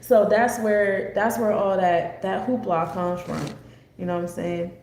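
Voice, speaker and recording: A woman's voice: medium pitch, steady tone, a little slow, darkish tone. An American woman presenting an astrology forecast in a casual, unscripted lecture with a rambling, conversational, digressive manner. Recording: echoey room with faint background noise.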